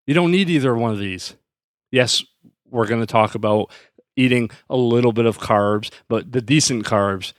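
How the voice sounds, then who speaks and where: A man's voice: mid-range voice, no room sound. Fired-up man ranting in a dry room. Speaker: podcast host. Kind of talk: solo podcast rant.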